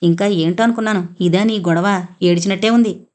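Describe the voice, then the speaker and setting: A woman's voice: mid-range voice, fairly even intonation, normal speed, a little mellow, lightly acted. A woman voicing an impatient, practical mother who scolds her daughter dismissively. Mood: scolding.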